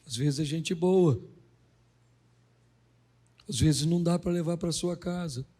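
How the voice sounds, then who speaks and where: Man, middle-aged, pastor, humorous sermon, high-pitched voice, animated storytelling. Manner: animated, acts out dialogue in quick funny voices.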